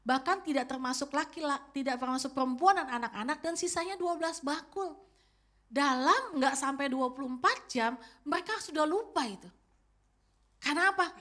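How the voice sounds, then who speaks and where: A woman's voice: high voice, lively intonation, fairly quick, fairly bright tone. A woman in her fifties preaching a sermon as pastor, telling the story directly to her congregation. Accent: Indonesian. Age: 50s.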